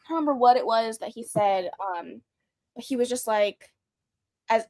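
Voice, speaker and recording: A woman's voice: a little high, moderate pace, dark tone, no echo, clean studio sound. A woman co-hosting a book club chat, giving blunt, wry opinions and acting out characters' lines. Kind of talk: casual chat.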